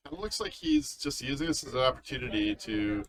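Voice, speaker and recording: A man's voice: mid-range voice, very animated, brisk, a bit bright, slight background noise. A man giving live card game commentary in a casual, chatty way, reacting to the plays. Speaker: tournament commentator.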